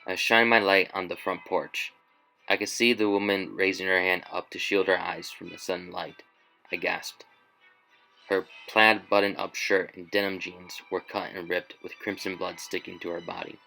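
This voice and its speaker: A man narrating a scripted first-person horror story in a measured, tense way. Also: sits low, flat delivery, gravelly, sharp tone, soft background music, rough recording.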